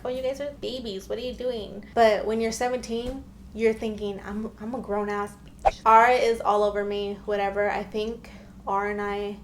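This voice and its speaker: Young woman, chatty and emphatic vlog storytime, faint hiss behind her. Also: medium pitch. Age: young adult. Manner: chatty and emphatic, often addressing viewers. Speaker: storytime vlogger. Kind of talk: casual storytime.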